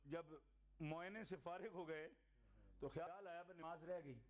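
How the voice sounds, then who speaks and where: High-voiced man preaching with fervor. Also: fairly even intonation. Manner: dramatic, acts out quoted lines, shouts at peaks, teases the audience. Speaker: religious speaker at a Milad gathering. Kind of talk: impassioned Urdu sermon. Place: gathering hall with live audience.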